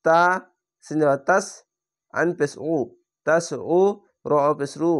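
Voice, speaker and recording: A man teaching Quran reading, patiently spelling out each word letter by letter and slowly stretching the recited syllables. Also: on the high side. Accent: Bangladeshi Bengali. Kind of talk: step-by-step spelling lesson.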